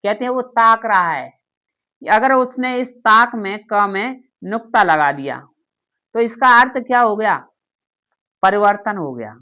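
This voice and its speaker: A woman's voice: medium pitch, animated, measured pace, bright, forceful tone. A woman teaching a grammar lesson, who keeps asking questions and answering them herself. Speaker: Hindi teacher.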